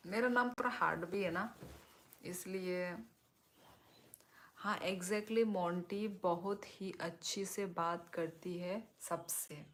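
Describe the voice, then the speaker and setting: Woman, live stream host, unhurried, lowish voice, relaxed casual chat, faint background noise. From Northeast India. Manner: chatty, relaxed, mixes English words into Hindi.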